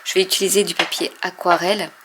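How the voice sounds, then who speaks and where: A woman casually showing and testing inks, hesitating often with many fillers and often trailing off softly. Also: fairly low pitch, level tone, fast, heavy background noise. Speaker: craft video host. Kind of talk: casual product demo.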